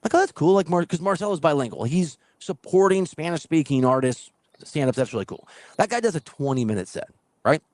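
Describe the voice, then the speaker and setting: A man's voice: a little high, brisk, no room sound. A middle-aged man telling a long story in casual chat, acting out quotes and laughing as he goes. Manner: animated, acts out quotes with laughs.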